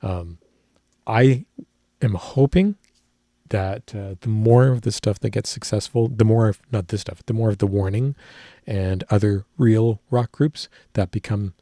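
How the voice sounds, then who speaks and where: A man's voice: on the low side, measured pace, mellow, dry recording, clean studio sound. A man who is a working musician, casually analyzing a song, rambling and technical, often correcting himself as he thinks aloud. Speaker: musician reacting to a music video.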